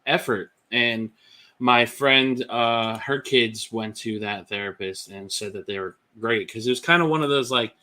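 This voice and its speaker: A man's voice: mid-range voice, a little slow, sharp tone. A man talking as a podcast guest, candid and rambling, with lots of "like" and "um". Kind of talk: casual personal testimony.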